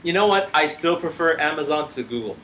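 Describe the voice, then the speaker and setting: Halting male podcast co-host, echoey room. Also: a little high, animated, bright, forceful tone, slight background noise. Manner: halting, frequent restarts and slips. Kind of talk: casual podcast chat.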